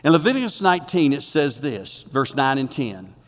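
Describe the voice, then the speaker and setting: Folksy pastor preaching in a hall. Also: male voice, mid-range voice, big pitch swings, moderate pace. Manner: folksy, emphatic preaching with dialect grammar. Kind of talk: sermon. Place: church sanctuary.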